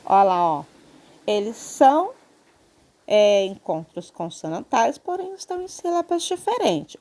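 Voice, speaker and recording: A woman's voice: medium pitch, a little mellow. A woman teacher with a Brazilian accent, patiently explaining a grammar lesson to children and checking in often. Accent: Brazilian Portuguese. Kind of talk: online Portuguese lesson for children.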